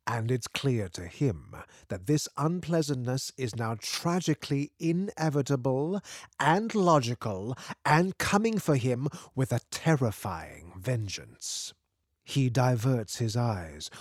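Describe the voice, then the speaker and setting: Measured, expressive male storyteller. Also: mid-range voice, no room sound, clean studio sound. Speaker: narrator. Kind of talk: scripted literary story narration.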